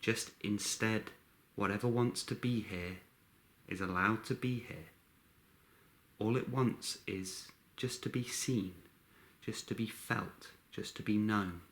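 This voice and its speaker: Fairly low in pitch and a bit bright, this man's voice leads a guided meditation. He speaks in a measured, instructional way, using short phrases and leaving long pauses.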